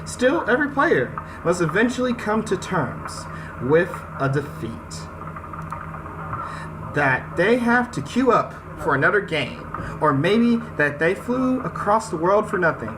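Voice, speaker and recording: A man hosting a gaming video moves between slangy, informal commentary and reading a story aloud, in a casual let's play. His voice sits high and sing-song, unhurried, with video game music and other background noise behind it.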